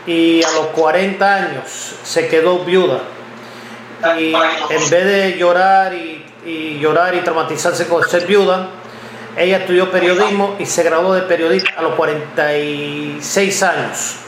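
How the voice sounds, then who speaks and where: A man in his fifties from Ohio interviewing a guest, speaking in a halting way with frequent repeated words. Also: fairly high pitch, fairly even intonation. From United States (Ohio). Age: 50s. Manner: halting, repeats words often while telling a story. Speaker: interviewer, blogger and journalist. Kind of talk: conversational interview. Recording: echoey room with background noise.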